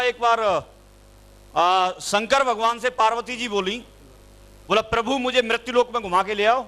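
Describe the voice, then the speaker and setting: A man's voice: very high-pitched, sharp tone. A man giving a motivational speech to a live audience. He tells a folk tale to make his point and keeps asking the crowd yes-or-no questions. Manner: storytelling, teaches with a folk tale. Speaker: motivational speaker.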